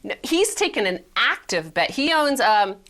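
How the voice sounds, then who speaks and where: A woman co-hosting a show, reading financial news items and asking quick questions with some restarts. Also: fairly high pitch, big pitch swings, fairly bright tone. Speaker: co-host.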